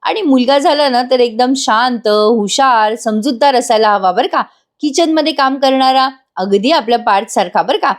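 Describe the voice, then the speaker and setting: A woman retelling the lines of an affectionate older father-in-law who chats in a warm, teasing way. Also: a little high, normal speed, natural voice. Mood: jovial.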